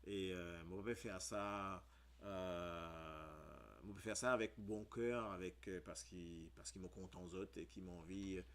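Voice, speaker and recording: Slow, low-voiced man spelling out words. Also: fairly even intonation. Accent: Mauritian Creole. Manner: spells out words letter by letter, hesitant with many fillers. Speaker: radio host teaching creole spelling. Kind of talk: casual radio lesson.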